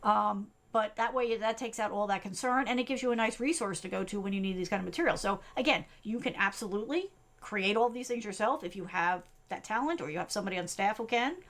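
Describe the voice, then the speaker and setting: A middle-aged woman from the US East Coast hosts a live tutorial stream as a tech coach. She talks quickly and conversationally, scattering fillers and "right?" checks through her points. Her voice sits at a middle pitch. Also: a bit bright. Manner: fast, chatty, many fillers and tag questions.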